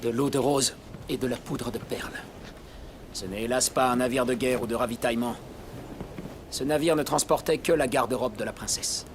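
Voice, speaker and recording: A man's voice: mid-range voice, moderate pace, a little hiss or hum, lightly acted. A man playing a grave, formal admiral devoted to his duty in a dubbed film. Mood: measured, earnest. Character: grave, formal Chinese admiral sworn to protect a princess. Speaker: film voice actor. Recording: film soundtrack with music behind.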